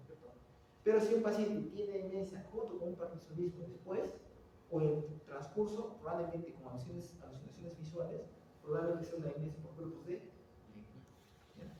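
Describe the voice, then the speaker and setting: A middle-aged man teaches in a large, echoey room, heard from some distance away from the mic. His voice sits a little high for a man, and he keeps quizzing his listeners with quick questions. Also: a little hiss or hum. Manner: animated, quizzing students with rhetorical questions. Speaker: lecturer. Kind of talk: classroom lecture. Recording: echoey hall, voice from far off.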